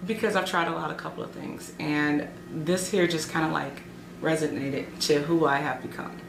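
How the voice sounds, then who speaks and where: A woman's voice: low voice, fairly even intonation, moderate pace, creaky, echoey room, background noise. A woman, chatting as an interview guest. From Chicago. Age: 40s. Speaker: guest, entrepreneur.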